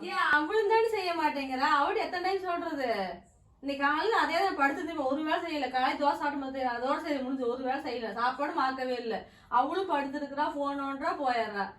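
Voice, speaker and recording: A woman's voice: high voice, quick pace, fairly bright tone, distant mic. Tearful, pleading mother in a roomy home. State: crying. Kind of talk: family prank video argument. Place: home, indoors. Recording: roomy, from off the mic.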